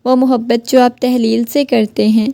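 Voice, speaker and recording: A woman's voice: on the high side, level tone, gravelly, warm tone, dry recording. A woman voicing a heartbroken young wife who keeps pleading with her husband. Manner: pleading, questioning.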